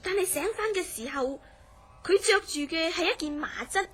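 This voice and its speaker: Speaking at an extremely high pitch with lively intonation and a slightly bright edge, a Hong Kong Cantonese-accented actress voices a sincere woman in a radio drama. She relates her friend's unsettling dreams in a grave, measured, serious way.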